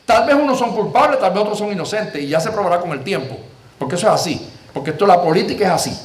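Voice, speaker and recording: High-voiced preacher. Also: male voice, expressive, fast talker. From Puerto Rico. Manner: emphatic, repetitive preaching with rhetorical questions. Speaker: pastor. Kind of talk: sermon storytelling.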